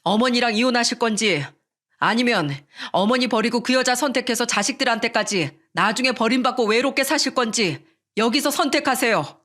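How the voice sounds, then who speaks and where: A woman voicing a grown son who calmly and firmly reproaches his father in a narrated radio story. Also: fairly high pitch. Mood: reproachful. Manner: firm, reproachful, measured.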